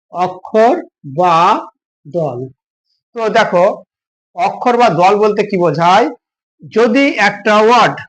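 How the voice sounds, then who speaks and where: A man teaching a grammar lesson, patiently spelling words out letter by letter and asking his students questions. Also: high voice.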